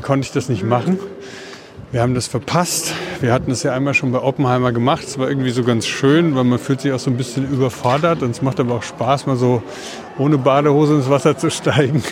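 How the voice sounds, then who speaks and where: A man's voice: mid-range voice, fairly even intonation, fairly quick, a crowd in the background. A man co-hosting a podcast, chatting casually while walking outdoors through a city. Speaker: podcast co-host. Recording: clear outdoor street noise. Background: urban traffic noise.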